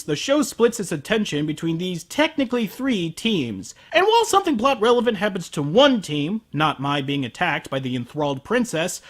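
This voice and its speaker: Hosting an anime review show, a man with a high, fairly bright voice performs a scripted comedy review. He comes off as sarcastic and fed up, and he swears often.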